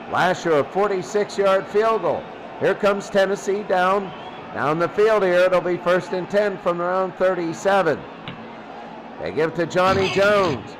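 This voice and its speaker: A man does American football play-by-play on the radio, speaking in short, clipped phrases he repeats often. The recording is noisy, with a rumble like a vehicle underneath.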